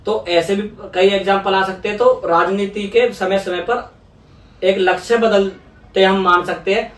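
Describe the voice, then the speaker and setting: Brief: young male politician, higher voice, earnest explainer, mic at a distance. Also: steady tone, unhurried, a bit bright. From India. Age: young adult. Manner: earnest, explanatory, repeats phrases for emphasis. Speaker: politician guest. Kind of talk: conversational interview. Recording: echoey room, voice away from mic.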